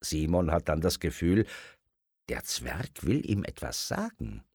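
A man reading a children's story aloud in an expressive storyteller style. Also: a bass voice, measured pace, vocal fry, slightly rough, dry recording, studio quality. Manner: expressive, acts out voices.

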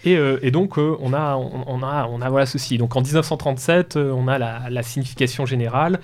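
Man, radio studio guest, mid pitch, halting explainer, fillers and restarts. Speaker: history guest explaining heraldry. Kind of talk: radio talk show explanation.

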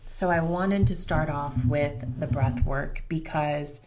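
Slow and a little mellow, her low-pitched voice comes with a faint hiss or hum in the background. She's a meditation guide hosting a podcast, still a touch congested after being sick, and she mixes instructive breathing guidance with casual chat in an unscripted style.

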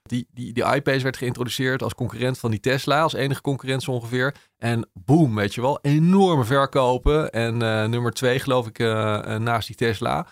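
A man's voice: mid-range voice, normal speed, hardly any pauses, no room sound, studio quality. A man being interviewed as the journalist behind an article. He talks conversationally and hesitantly, often restarting and using fillers. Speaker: journalist discussing his article.

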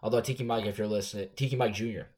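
A man's voice: on the low side, fairly even intonation, rapid-fire, darkish tone, slight background noise. A man co-hosting a casual podcast, joking and rambling. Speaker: podcast co-host. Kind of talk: casual chat.

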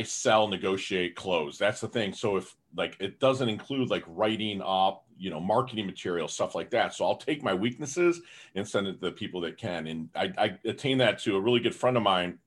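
This low-leaning male voice belongs to a podcast guest in a casual interview. Full of energy and good cheer, he sprinkles "you know" throughout.

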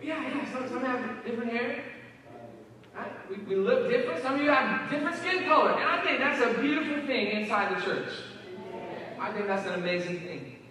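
Folksy pastor in an echoey church. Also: male voice, very high voice, moderate pace, bright, forceful tone. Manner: folksy, joking, talks to the congregation. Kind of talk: sermon. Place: church hall. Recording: echoey hall, mic at a distance.

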